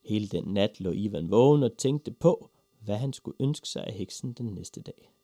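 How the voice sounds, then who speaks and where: Low gravelly guy reading a kids' story, husky, dry. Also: no echo. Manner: lively, expressive reading. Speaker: narrator.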